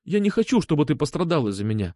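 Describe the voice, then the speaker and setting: A man's voice: a little high, sing-song, fast, mellow, dry recording, clean studio sound. A man reading an audiobook, voicing a frightened young woman who speaks through tears and pleads. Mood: frightened pleading. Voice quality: tearful, pleading.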